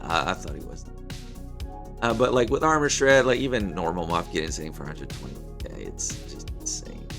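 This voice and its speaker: A man in his thirties with a hoarse, failing voice, giving casual game commentary as host of a gaming video. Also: deep voice, animated, a little fast, over music. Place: small room indoors at a desk.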